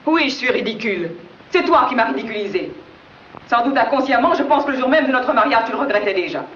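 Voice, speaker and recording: An actress dubbing an unhappy young wife in a 1940s film, speaking in a pleading, emotional way. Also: female voice, a little high, animated, quick pace, fairly bright tone. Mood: hurt. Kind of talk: 1940s film dub acting. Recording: roomy, dull old film soundtrack with hiss.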